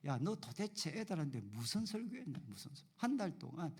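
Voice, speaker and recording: A man voicing God in a sermon story, a stern fatherly figure who scolds a young preacher bluntly and gruffly, a bit lower than his own voice. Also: very animated, fairly quick, a little mellow, heavily acted. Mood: gruff scolding.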